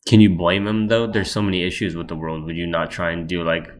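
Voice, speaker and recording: A man with a very low voice co-hosting a podcast in a casual chat. He agrees readily and fills in with quick backchannel replies. He sounds easygoing as he adds his own thoughts. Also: level tone. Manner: agreeable, frequent backchannel "yeah". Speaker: podcast co-host.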